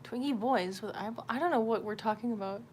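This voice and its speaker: Talking fast in a higher, slightly mellow voice, a woman hosts a livestream and draws while chatting. Her manner is casual and foul-mouthed, often at her own expense. You can clearly hear room ambience and some background noise.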